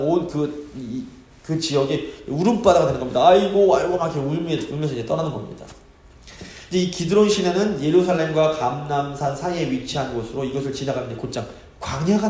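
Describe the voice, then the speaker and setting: A man with a fairly high voice preaches a midweek Bible study in a church sanctuary. He talks expressively and keeps putting rhetorical questions to the listeners. His voice rings out with a heavy echo off the walls of the hall. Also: a little mellow. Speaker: pastor.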